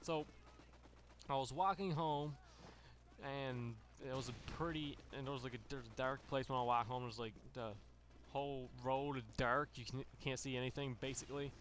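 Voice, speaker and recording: A man's voice: medium pitch, steady tone, moderate pace, a bit bright, slight background noise. A man telling a long story in a loose, profane, rambling way, with lots of restarts and fillers. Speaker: gaming channel host. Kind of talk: rambling storytelling over gameplay. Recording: gunfire from game audio behind. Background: video game gunfire.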